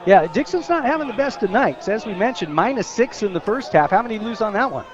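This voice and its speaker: An American man provides conversational color commentary on a live radio broadcast of a football game at an outdoor high school stadium. His voice is high, expressive and fast, the audio's highs are cut off, and loud crowd noise fills the background.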